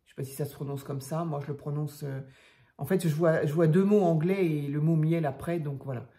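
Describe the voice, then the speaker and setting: Mellow-voiced older woman chatting softly. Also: deep voice, a little fast. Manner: chatty, soft-spoken, hesitant with fillers. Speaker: craft channel host. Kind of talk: casual show-and-tell of craft tags.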